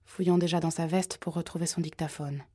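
A woman reading a thriller audiobook in a measured, suspenseful way. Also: sits low, fairly even intonation, mellow. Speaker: audiobook narrator. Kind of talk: scripted narration.

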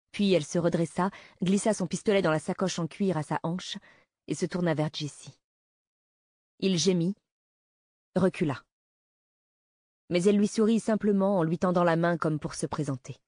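A woman narrating a novel in a steady, measured reading style. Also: lowish voice, dry recording, clean studio sound. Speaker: audiobook narrator. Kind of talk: scripted narration.

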